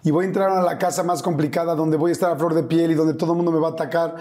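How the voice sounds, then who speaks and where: A man's voice: fairly high pitch, fairly even intonation, rapid-fire, dark tone. A man with a Mexican accent, interviewing a guest and asking long, rambling questions full of fillers. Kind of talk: conversational interview.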